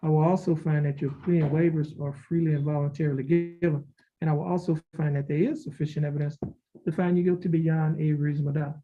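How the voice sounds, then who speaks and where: A male judge conducting a formal plea hearing in a courtroom recording, reading documents aloud in a measured, formal way. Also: fairly high pitch, level tone. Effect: courtroom recording heard over a video call. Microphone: video call. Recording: dull lo-fi courtroom audio with faint hiss.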